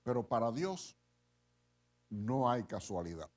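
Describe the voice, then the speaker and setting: A middle-aged man preaching a sermon as pastor. He retells the story in an animated way and often checks in with listeners with a quick "eh?". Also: medium pitch.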